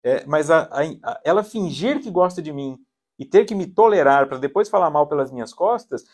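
A man giving a psychology talk at a spiritist center, animated and acting out quoted voices with a shifting tone. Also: fairly high pitch, normal speed.

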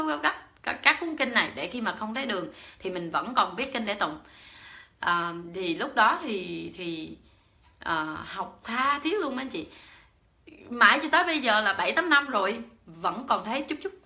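A woman's voice: mid-range voice, bright, forceful tone. A middle-aged woman with a Southern Vietnamese accent giving a personal Buddhist dharma talk, chatty and full of fillers and repetitions as she speaks straight to her listeners. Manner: chatty, lots of fillers and repeated words, addresses listeners directly.

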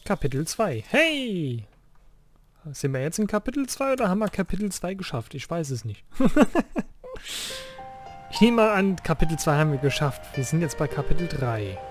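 A man's voice: fairly high pitch, very animated, brisk, faint music behind. A man giving casual commentary as a let's play host in a room at home.

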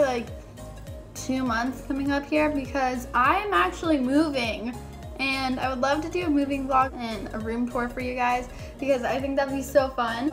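Chatty and heavy on the filler "like," a young adult woman with a high voice makes casual vlog conversation with her viewers. The YouTuber is filming indoors in a small bedroom, phone at arm's length, with background music.

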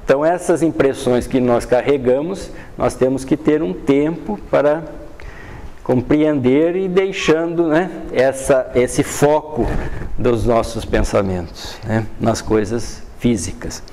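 Older Brazilian man, study-group teacher, mellow tone, calm reading and explaining. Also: medium pitch. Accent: Brazilian Portuguese. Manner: reads passages then explains them in a calm, unhurried way, with frequent "né". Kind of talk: reading aloud and explaining a spiritist book. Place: dim classroom with a projector screen.

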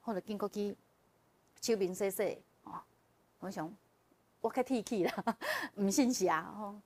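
A woman as a guest telling a personal story in casual chat, animated and often laughing as she relives the emotion. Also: medium pitch, a little slow, breathy edge. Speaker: guest sharing a personal testimony.

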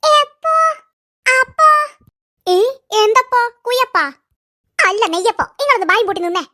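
A performer voicing squabbling cartoon kids and their mother, bickering in a squeaky, sped-up comic style. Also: expressive, normal speed, sharp tone, full character voice. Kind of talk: cartoon character voices.

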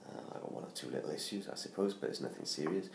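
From his living room by the Christmas tree, a middle-aged man from the UK talks fast and expressively about his book in a homemade promo video. His low voice is hoarse from laryngitis, and his casual chat is full of ums and restarts. Audio comes from a tablet camera held close, with roomy home acoustics and faint noise.

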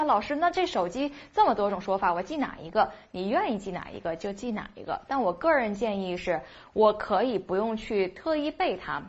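Woman teacher, mid-pitched voice, patient explainer who drills phrases slowly, muffled lecture recording. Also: slightly rough. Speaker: English teacher. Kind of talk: online spoken English lesson.

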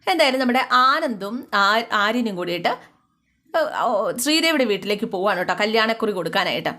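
A woman's voice: medium pitch, animated, brisk, sharp tone. A woman casually retelling a family story in a chatty way, speaking directly to her listeners. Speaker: storyteller recapping a serial.

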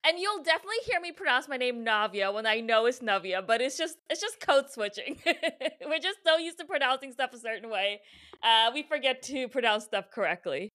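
Bright, high-voiced giggly woman co-host. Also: animated. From raised overseas. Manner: giggly, quick to laugh and react. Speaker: podcast co-host. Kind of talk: casual chat.

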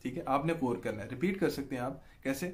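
A man's voice: mid-range voice, animated, quick pace. A man with a Pakistani Urdu accent giving an online language lesson, patient and explanatory, often checking in with listeners. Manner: patient, repeats "ठीक है जी" to check in, draws out example sounds. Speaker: language teacher.

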